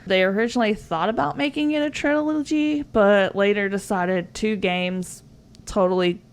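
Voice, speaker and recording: A woman's voice: mid-range voice, normal speed, clear, resonant tone. A woman co-hosting a podcast in casual chat, sharing facts in a chatty, giggly way with lots of "like" fillers. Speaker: podcast co-host.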